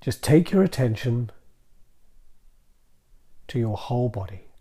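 Mellow-voiced man leading a calm grounding exercise. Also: mid-range voice, husky. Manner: gentle, soothing, with deliberate pauses. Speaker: mindfulness practice guide.

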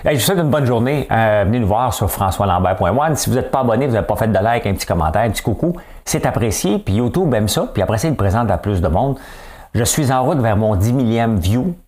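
A middle-aged man with a Quebec French accent and a fairly low voice. He talks in a loose, chatty way, often asking his listeners to agree. It sounds like a casual vlog monologue. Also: expressive, fast talker, darkish tone. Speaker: vlogger.

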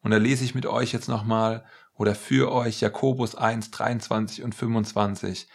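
A man preaching a sermon in an earnest, measured way, stressing words slowly. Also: fairly low pitch, level tone, vocal fry, breathy edge.

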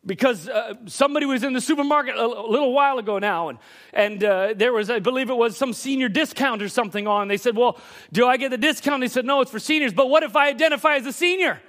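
A man preaching a sermon in a church service, emphatic, shifting between quick asides and bursts of raised voice. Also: very high-pitched, a bit bright. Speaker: pastor.

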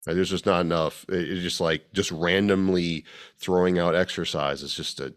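A man's voice: deep voice, fairly even intonation, moderate pace. A man co-hosting a casual podcast chat as a fitness coach, rambling with many restarts and fillers.

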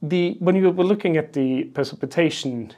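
A man's voice: fairly high pitch, moderate pace, dark tone. A man hosting a podcast interview in a festival booth and asking questions in a casual, easygoing way. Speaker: podcast host.

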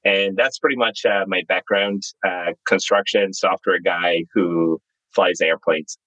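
A Zimbabwe-born man in his thirties, a startup founder, tells his life story in a candid, relaxed way. His voice is very low and recorded close and dry. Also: measured pace, dry recording, lo-fi sound. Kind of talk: interview guest, storytelling.

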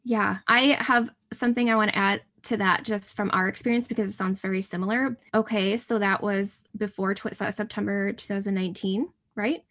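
A woman's voice: mid-range voice, fairly even intonation, fairly quick, hardly any pauses, fairly bright tone. Woman in her 40s hosting, enthusiastic, chatty. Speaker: host. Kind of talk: casual conversation.

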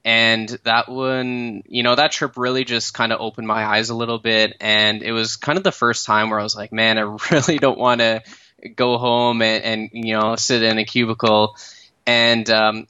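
In a relaxed podcast interview, a Canadian startup founder in his thirties tells his story, full of fillers and restarts. His voice is lowish, clear and resonant, at a moderate pace, on a lo-fi recording with no echo.

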